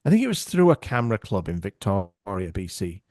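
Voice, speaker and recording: A middle-aged man chatting casually as a podcast guest, telling lively stories and acting out what other people said. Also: lowish voice, a little fast, no room sound. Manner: animated, acts out other people's voices. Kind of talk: casual storytelling chat.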